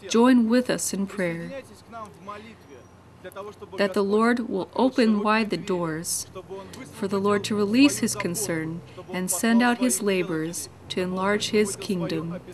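Woman, voice-over narrator, earnest, measured, preaching tone, loud crowd noise behind. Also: medium pitch. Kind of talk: read church introduction voice-over.

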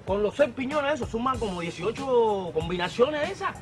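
An actor playing a brash, streetwise bicycle thief in a Cuban TV police drama, talking with a Cuban accent. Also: male voice, very high-pitched, very animated, moderate pace, soft background music.

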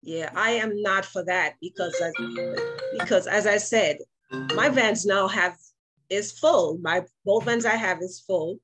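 A woman's voice: medium pitch, unhurried, a bit bright, faint music behind, poor audio. A woman who runs a vanpool business, speaking firmly and plainly in a video call meeting. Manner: firm, plainspoken. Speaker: vanpool owner.

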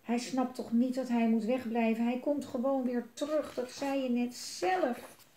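A woman's voice: on the high side, steady tone, unhurried, warm tone, a little hiss or hum, close to an everyday voice. A woman voicing a stubborn young girl who talks in a childlike, insistent way, in a roomy space. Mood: tearful. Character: stubborn young girl protecting her dragon. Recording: roomy echo.

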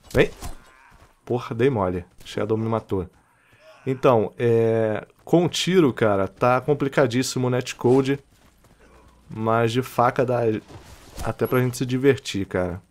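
A man with a Rio de Janeiro Brazilian accent giving casual, excitable gameplay commentary, taunting enemies and laughing as he plays. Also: medium pitch, unhurried, pauses often. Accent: Brazilian Portuguese, Rio de Janeiro. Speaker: gaming channel host.

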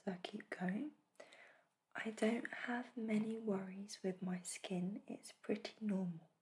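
A woman in a whispered role-play as a spa facial therapist, speaking in a soft, breathy whisper with a gentle, reassuring manner. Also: medium pitch, steady tone, unhurried, slight background noise.

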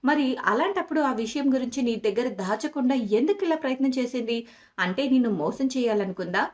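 A woman's voice: high-pitched, lively intonation, fairly quick. Woman reading as a scheming young cousin. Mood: insinuating.

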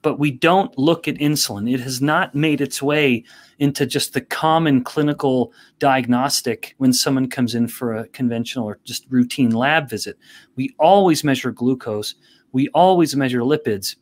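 A man speaking as a guest on a podcast interview. He explains in a measured, careful way at an ordinary pitch. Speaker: guest expert.

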